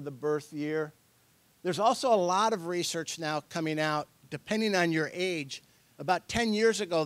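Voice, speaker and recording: A man's voice: a little high, no echo. A middle-aged man giving an informal workshop lecture in a conversational, loosely hedged way as the presenter. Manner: conversational, hedging, chuckles often.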